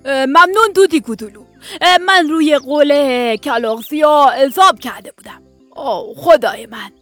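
A worried grown male squirrel, as a woman storyteller plays him, fussing over his acorns in a bedtime story. The voice sits high and sounds bright and sharp. Gentle children's music plays faintly underneath. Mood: relieved.

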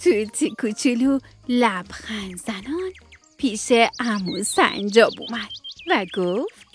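A woman narrating a bedtime story for children on a radio show, in a gentle, sing-song way with small fillers. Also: on the high side, lively intonation, soft background music.

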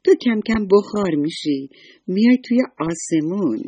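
A woman's voice: mid-range voice, expressive, warm tone, breathy edge, lo-fi sound, pitched above the performer's own voice. A woman voicing a cheerful, motherly sun who talks in a coaxing, affectionate way in a children's story. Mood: soothing. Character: kind motherly sun lady, cheerful and soothing.

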